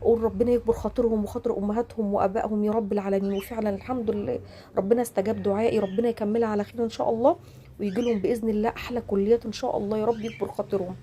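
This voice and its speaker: A woman's voice: medium pitch, steady tone, racing, dark tone, slight background noise. A woman in her forties with an Egyptian accent, chatting to her channel from home, emotional and devout, full of religious phrases and oaths. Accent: Egyptian Arabic. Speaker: vlogger. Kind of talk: casual chat to camera. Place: home, during a power cut.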